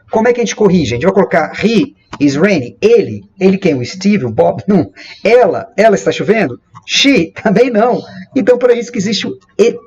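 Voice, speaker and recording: A man from Brazil teaching English grammar, lively and repeating example sentences slowly and with emphasis. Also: high-pitched, highs cut off. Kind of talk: explaining grammar at a whiteboard.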